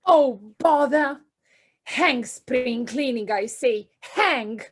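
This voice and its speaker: A woman's voice: high voice, very slow, breathy edge, heavily acted. A woman playing a tired, good-natured female mole in a children's audio play, exclaiming and drawing out her words. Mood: fed up. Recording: home video-call recording.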